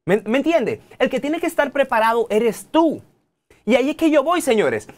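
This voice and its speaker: A man in his thirties with a Dominican accent, a technology guest in a TV studio interview who talks in an animated, preachy way and keeps addressing the audience directly. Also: very high-pitched, normal speed. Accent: Dominican Spanish. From Dominican Republic.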